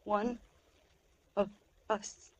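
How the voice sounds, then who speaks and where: A woman's voice: medium pitch, little pitch movement, drawn-out words, darkish tone. An actress playing a tough-talking young woman in a 1940s radio drama, brash and slangy. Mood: frightened. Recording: old radio recording with faint hiss.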